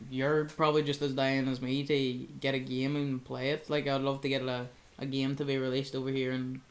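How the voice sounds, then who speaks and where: A man's voice: medium pitch, completely flat delivery, brisk. Rambling young man. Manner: rambling, heavy on filler words. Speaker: podcast co-host. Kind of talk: casual chat.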